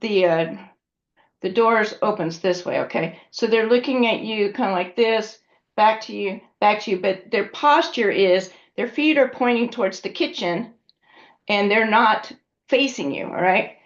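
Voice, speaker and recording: A woman instructor gives a classroom lecture in a conversational way, frequently checking in with her students. Her mid-range voice moves a little slowly, captured on a dull lo-fi recording.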